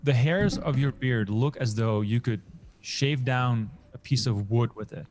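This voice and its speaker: A man's voice: mid-range voice, unhurried, background noise. A man co-hosting a poker stream, chatting casually with dry, teasing humor. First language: Dutch. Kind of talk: casual co-host banter.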